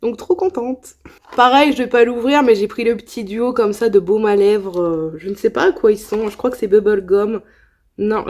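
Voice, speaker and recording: A woman's voice: mid-range voice, darkish tone. A young woman chatting casually in a haul video, enthusiastic and full of asides and fillers. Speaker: beauty vlogger.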